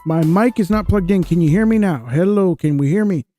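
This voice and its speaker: A man's voice: high-pitched, brisk, warm tone, faint music behind. A man hosting a casual live stream, his mic-check audio glitching and repeating in a loop. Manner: mic check, asking if he can be heard. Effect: glitching audio stuck repeating in a loop. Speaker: host.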